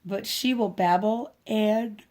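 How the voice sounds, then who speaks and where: A woman telling family stories in an easygoing vlog chat. She talks in a bouncy, excitable way, often breaking into giggles and starting her sentences over. Her pitch sits in an ordinary middle range. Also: takes it slowly. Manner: animated and giggly, with many restarts. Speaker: adoptive mother, vlogger. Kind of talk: casual chat.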